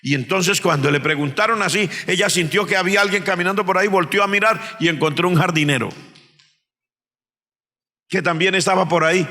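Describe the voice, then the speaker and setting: A Colombian pastor preaching a sermon in a bright, ringing voice, his pitch sitting on the high side for a man. He drops to near-whispers to tell a story, then climbs to shouted, emphatic preaching. The church hall adds a long reverberant tail. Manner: swings between hushed storytelling and shouted preaching. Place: church sanctuary.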